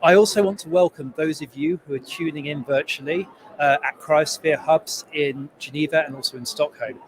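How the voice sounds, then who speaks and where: A man's voice: fairly high pitch, moderate pace, low-quality recording. A young man, a postdoc, welcoming the audience and introducing a speaker, with some hesitant fillers. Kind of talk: event host introduction.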